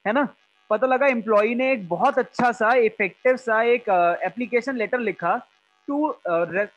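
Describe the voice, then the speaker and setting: A man with an Indian English accent lectures over a video call, mixing Hindi and English and pausing to quiz his students. His voice sits fairly high for a man. The sound is dull and lo-fi, with faint music underneath. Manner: mixes English and Hindi, asks students questions. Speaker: teacher. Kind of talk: online class lecture. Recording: dull lo-fi online class audio.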